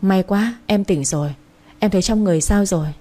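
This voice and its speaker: Here is a woman doing a gentle, caring young man from a storybook romance. His tone is mellow and soft-edged, and he speaks calmly and kindly. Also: medium pitch, brisk, natural voice. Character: kind young man who rescues heroine.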